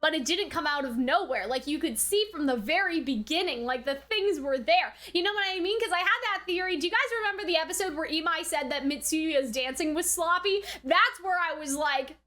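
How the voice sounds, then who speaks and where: A woman in her early twenties hosts anime reactions and reviews, giving casual, chatty, emphatic commentary to viewers and often checking in with the listener. Her high voice has lively intonation and a fairly quick pace with hardly any pauses and a sharp tone.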